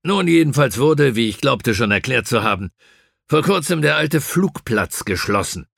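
A man voicing a stiff, irritable older army officer in an audiobook, brisk and gruff. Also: medium pitch, expressive, a bit bright, no echo, clean studio sound, voice pushed up, exaggerated voice.

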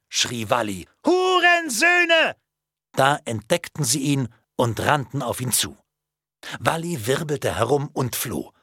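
A man reading a thriller novel aloud as an audiobook narrator, with tense dramatic delivery that drops to hushed tones. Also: medium pitch, husky, no room sound, studio quality.

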